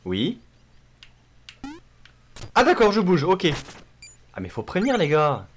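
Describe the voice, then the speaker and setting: A man's voice: sits high, huge pitch swings, slow pace, slight background noise. A man giving casual gameplay commentary, with sweary, self-mocking asides. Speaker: gamer commentating a playthrough. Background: game music.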